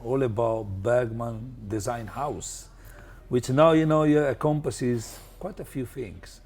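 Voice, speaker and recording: A man hosting a podcast interview, effusive in his praise and often halting and restarting mid-sentence. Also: medium pitch, a little mellow. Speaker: podcast host.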